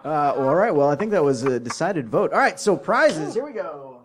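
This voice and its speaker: High-pitched, animated male comedy show host. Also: normal speed, background noise. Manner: joking, teasing the contestants and audience. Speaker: host of a live debate game show. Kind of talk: live comedy hosting.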